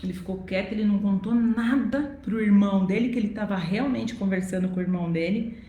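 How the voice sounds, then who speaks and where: A woman's voice: medium pitch, dark tone. A woman with a Brazilian Portuguese accent giving a spiritist lecture, telling a story conversationally and repeating phrases for emphasis. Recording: roomy echo.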